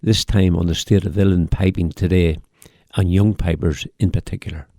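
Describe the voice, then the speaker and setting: A man reading scripted documentary narration in a measured, written style. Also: sits low, steady tone, no room sound, clean studio sound. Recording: faint music under narration. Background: soft instrumental music.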